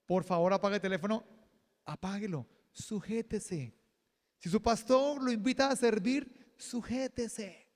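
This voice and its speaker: A man preaching a sermon as pastor, lively and joking, acting out quotes. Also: high-pitched, long reverb tail. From Colombia. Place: church hall.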